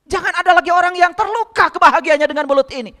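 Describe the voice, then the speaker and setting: A man's voice: very high-pitched, rapid-fire, pushed and bright. A man with a light tinge giving a sermon, pressing the congregation with rhetorical questions. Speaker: spiritual teacher. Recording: long hall reverb.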